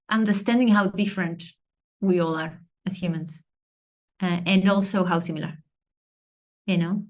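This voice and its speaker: A woman from Argentina, a podcast guest, talking thoughtfully and searching for words with many pauses. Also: fairly low pitch. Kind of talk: reflective conversation.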